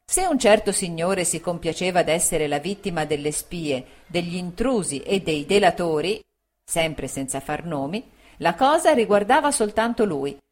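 A woman's voice: fairly low pitch, lively intonation, normal speed. Woman narrating a classic novel. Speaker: audiobook narrator. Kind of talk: scripted literary narration.

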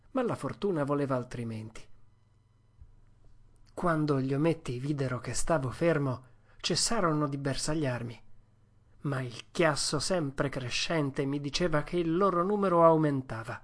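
A narrator giving a steady, expressive first-person reading of a classic adventure story as an audiobook. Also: medium pitch.

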